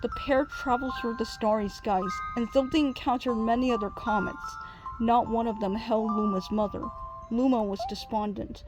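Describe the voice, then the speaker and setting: A woman reading a children's storybook aloud in a gentle, even narrating voice. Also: a little high, moderate pace, low-quality recording. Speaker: storybook reader. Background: soft music.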